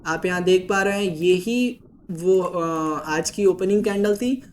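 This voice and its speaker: A man's voice: high voice, takes it slowly, slight background noise. A man hosting a casual stock market chart walkthrough, patiently explaining and checking in with his listener. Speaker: market analysis host.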